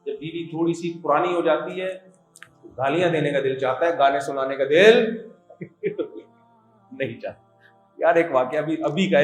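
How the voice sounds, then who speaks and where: Joking man preaching in an echoey hall. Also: medium pitch. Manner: storytelling, jokey asides, quoting voices. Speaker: religious scholar giving a talk. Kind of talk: humorous religious lecture. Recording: echoey hall, faint music.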